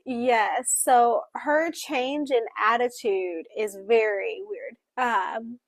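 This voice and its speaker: A woman co-hosting a casual book club discussion, talking in an expressive, chatty way while also voicing interpreted signing. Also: fairly high pitch, no room sound. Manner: expressive, chatty, with frequent fillers.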